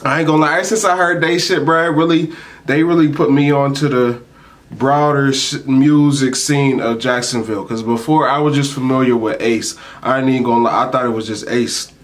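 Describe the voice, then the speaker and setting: A young American man with an average-pitched voice talks casually to his viewers as a reaction host. His speech is emphatic and full of street slang and swearing. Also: steady tone, a little fast.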